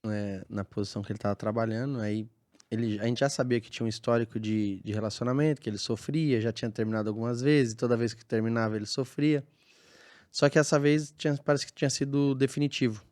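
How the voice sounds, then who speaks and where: A man's voice: mid-range voice, fast. A man tells a story on a podcast. He acts out each exchange, and his voice keeps leaping up and dropping down as he plays the different people. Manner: animated, acts out dialogue in lively voices. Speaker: burger restaurant owner, guest.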